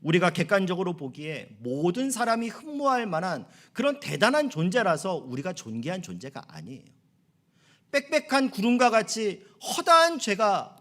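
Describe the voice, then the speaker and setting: A man's voice: high voice, fairly bright tone. A middle-aged man preaching a sermon as pastor, earnest, lifting his voice on key phrases. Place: church sanctuary.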